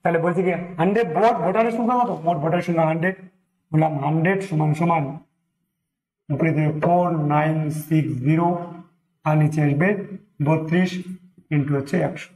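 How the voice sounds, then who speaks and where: A man's voice: on the high side, a little fast, pauses often, a little mellow, echoey room, poor audio. A man teaching an exam-prep maths lesson, talking through each sum step by step, with a Bengali accent and English numbers mixed in.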